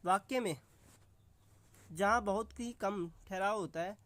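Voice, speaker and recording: A man's voice: high voice, a little slow, fairly bright tone, no room sound. A man teaching an online exam-prep lesson, calling his viewers friends and explaining with examples.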